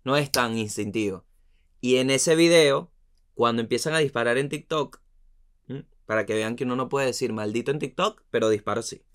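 A man from Venezuela with a Venezuelan accent, telling comic stories in an animated, slangy, profane way that trails off into muttered asides. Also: mid-range voice, normal speed. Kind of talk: comic storytelling monologue.

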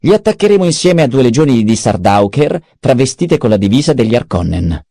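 A man's voice: medium pitch, big pitch swings, a little fast, creaky, mellow, no room sound, clean studio sound, voice pushed up. A man voicing a cunning, self-satisfied male adviser in an audiobook, eager and precise. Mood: scheming. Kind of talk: audiobook character voice.

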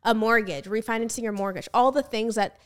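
A woman's voice: a little high, a little fast. A young woman hosting a podcast in casual conversation, chatty, laughing often and filling her talk with "like". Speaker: podcast host. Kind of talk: casual chat.

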